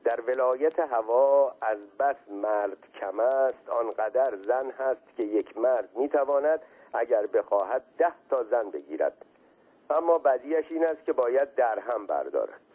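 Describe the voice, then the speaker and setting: A man voicing an eager, evasive young male servant in a husky voice, heard as a tinny radio reading. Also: medium pitch, animated. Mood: urgent. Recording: tinny phone-like radio sound.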